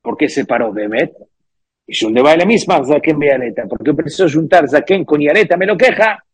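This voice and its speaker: Husky high-voiced man teaching Talmud. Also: lively intonation, a little fast, no echo. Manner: reads Hebrew and Aramaic phrases, then explains them with repeated "¿cierto?". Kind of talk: Talmud class explaining a text line by line.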